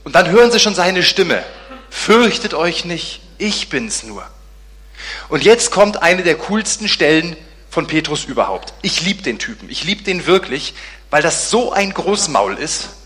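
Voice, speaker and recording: A man delivers a storytelling sermon with a bright, forceful tone and a slightly high voice. He tells the story in a lively way, slipping into different voices for the people in it. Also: moderate pace. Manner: lively, acts out dialogue in voices. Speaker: pastor.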